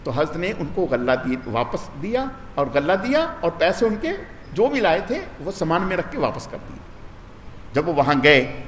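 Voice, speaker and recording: A man giving a Quran commentary sermon, telling the story with voiced dialogue and strong rises in emphasis. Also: fairly high pitch. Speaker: religious scholar. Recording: hall with long reverb, faint noise.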